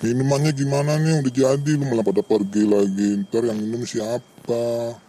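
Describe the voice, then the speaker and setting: An actor voicing a gruff older coffee stall keeper who grumbles at young customers in a Jakarta Betawi accent. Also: male voice, mid-range voice, fairly even intonation, warm tone, slight background noise, natural voice. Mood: grumbling. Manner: grumbling, slow, bossy.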